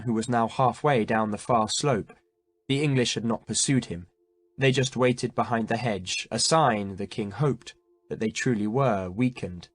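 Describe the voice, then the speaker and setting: Measured male audiobook narrator. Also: mid-range voice. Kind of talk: scripted narration.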